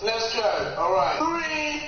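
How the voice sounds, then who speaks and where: Excitable high-voiced young man, echoey room. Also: takes it slowly, noisy background. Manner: excitable, laughs often, swears, repeats himself. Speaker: YouTube vlogger. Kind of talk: casual reaction and product-test vlog. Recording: echoey lo-fi room recording from a distance with music.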